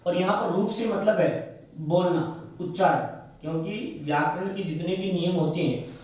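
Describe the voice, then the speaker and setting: High-voiced teacher in an echoey room. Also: male voice, darkish tone. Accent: Rajasthani Hindi. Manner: asks and answers his own questions, slows on key sounds. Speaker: Sanskrit teacher. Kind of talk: classroom grammar lecture. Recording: very echoey room, mic far off.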